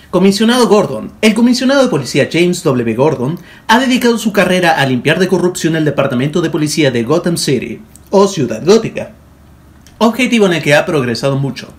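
Slightly high-voiced man doing game commentary. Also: very animated, a little fast. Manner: informal, talking to himself. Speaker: gaming video host. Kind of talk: casual let's play commentary and reading aloud. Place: indoor voice-over on game footage.

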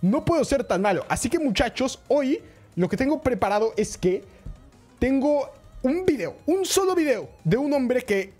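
Excitable man streaming, lively up-and-down pitch. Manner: excitable, chatty, greets the chat often. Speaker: gaming streamer. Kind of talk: live-streamed gameplay commentary.

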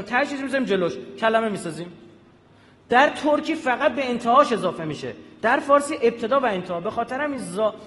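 A man giving an animated public lecture, often checking with his audience through quick rhetorical questions. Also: high-pitched. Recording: echoey hall with long reverb.

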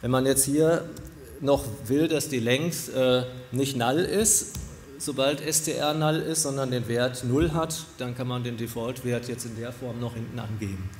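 A man's voice: mid-range voice, a little slow, a little hiss or hum. Man explaining code in an echoey hall. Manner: relaxed, explanatory, many fillers. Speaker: software developer giving a talk. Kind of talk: conference talk with live coding demo. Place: large lecture hall with audience. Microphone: podium mic.

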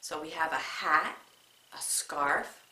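Slow, sing-song woman in an echoey room. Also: low-pitched, bright, forceful tone. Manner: slow, sing-song, encouraging, talking to small children. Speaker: children's librarian. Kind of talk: children's story time. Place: library room.

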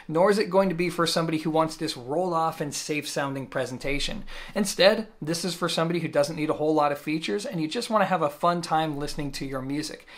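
An audio equipment reviewer hosting a channel, narrating a scripted product walkthrough. The delivery is upbeat and casual, with jokey asides thrown in for the viewer. The voice sits at an ordinary middle pitch.

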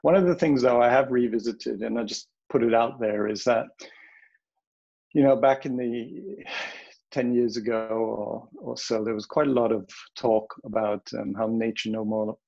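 A man giving a frank, opinionated conference talk over a video call, pausing often with ums. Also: mid-range voice, a little mellow, dull audio. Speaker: panel speaker, wildlife health director. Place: home or office in the Bronx.

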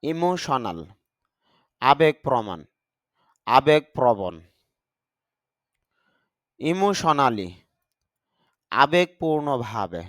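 A man teaching English vocabulary in Bengali, reading each word and its meaning in a deliberate, explaining manner, with a Bangladeshi Bengali accent. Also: mid-range voice, sing-song, dry recording, studio quality. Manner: deliberate, spells out pronunciation. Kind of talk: slow vocabulary lesson, word then meaning.

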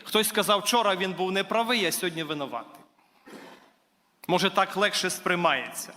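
A man's voice: sits high, moderate pace, sharp tone. A man preaching a sermon in church, earnest and building to emphatic declarations, addressing his listeners as brothers and sisters. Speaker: guest preacher. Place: church hall. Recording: reverberant church hall.

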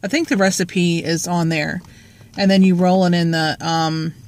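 A woman vlogger with a fairly low pitch and steady tone talks at a normal speed. Parked in her car with the phone held out at arm's length, she rambles jokingly and leans on lots of fillers.

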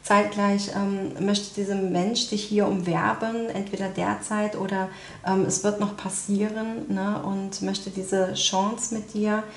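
A woman's voice: mid-range voice, level tone, takes it slowly, roomy sound, a little hiss or hum. A woman giving a casual tarot card reading, talking chattily with many tag questions and fillers. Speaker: tarot reader.

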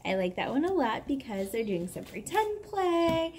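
A young adult woman, a parent, reads and sings to her toddler in a gentle, drawn-out way, her voice high-pitched and very animated. They are outdoors on a covered backyard patio, filmed by a camera held about an arm's length away. Outdoor background noise is clearly audible.

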